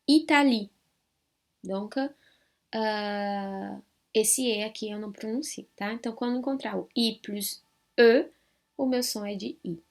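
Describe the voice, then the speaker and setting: A woman with a Brazilian Portuguese accent teaching a French lesson online. She repeats each sound slowly and clearly for learners and keeps checking in with the viewer. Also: on the high side. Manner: chatty, with frequent check-ins to the viewer.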